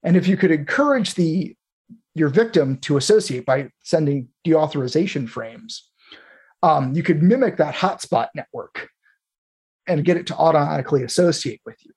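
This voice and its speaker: A man's voice: a little high, lively intonation, normal speed, darkish tone, slightly rough. A man in the role of host, talking through technical material in an informal, explanatory way and thinking aloud as he goes.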